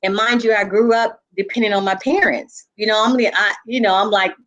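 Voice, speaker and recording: Woman, group chat guest, earnest personal story, halting restarts, frequent asides. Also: medium pitch, fairly even intonation, fairly bright tone. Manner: earnest, reliving a painful memory. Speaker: panel guest.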